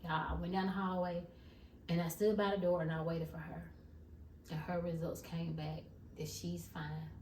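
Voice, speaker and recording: A woman's voice: on the low side, little pitch movement, moderate pace, darkish tone, slight background noise. A woman, sharing an emphatic faith testimony to viewers in a casual vlog. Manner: emphatic, addresses viewers as y'all. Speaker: vlogger. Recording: echoey room, voice from far off.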